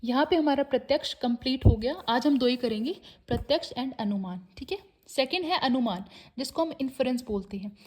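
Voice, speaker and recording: A woman with an Indian English accent teaches an exam-prep lecture, frequently tacking on a checking tag and reading English definitions slowly. Her voice is high-pitched and expressive, with a darkish tone.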